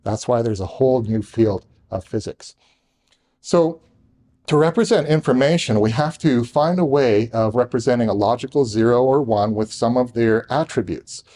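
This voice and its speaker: A man with a medium-pitched, dark-toned voice gives a technical talk to a live audience in a conference room. He rushes, talking fast with restarts and tossing joking asides to the room.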